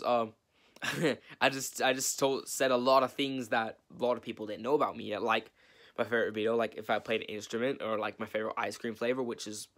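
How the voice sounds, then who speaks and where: A man's voice: mid-range voice, fairly bright tone. A teenage boy talking to camera from his messy bedroom, answering viewer questions in a rambling, self-mocking way and laughing often. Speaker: YouTube vlogger. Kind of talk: casual Q&A vlog to camera.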